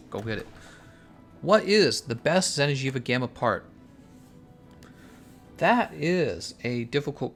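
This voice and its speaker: A game streamer with a medium-pitched, slightly bright voice gives casual livestream commentary on a game. His talk is slangy and exclamatory as he chats with his viewers.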